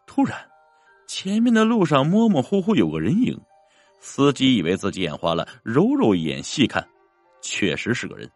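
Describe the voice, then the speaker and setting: A man narrating a dramatic story in an expressive, theatrical manner. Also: moderate pace, dry recording, faint music behind. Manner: expressive, swinging pitch.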